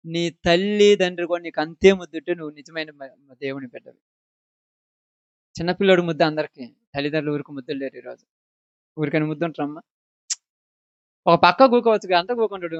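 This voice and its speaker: A man's voice: high voice, a bit bright, clean tone, no echo, lo-fi sound. A man preaching a sermon, asking the congregation question after question to drive home his points. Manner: emphatic, asks the congregation questions.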